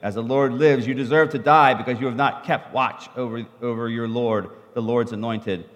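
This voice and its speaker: A man's voice: mid-range voice, fairly even intonation, a bit bright. Man preaching in a reverberant hall. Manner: measured Bible reading that rises in the quoted speech. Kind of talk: sermon with scripture reading, paused for an interpreter.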